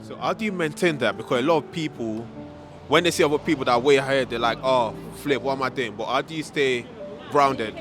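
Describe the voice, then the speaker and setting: A male street interviewer fires off brisk, probing questions. He speaks quickly, and music plays clearly behind him outdoors. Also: medium pitch.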